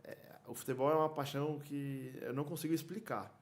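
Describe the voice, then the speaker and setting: Brazilian guy on a podcast, kinda halting, keeps restarting his sentences. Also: on the high side, steady tone. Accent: Brazilian Portuguese. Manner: halting, restarts often, chuckles. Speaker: podcast co-host. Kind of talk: casual chat.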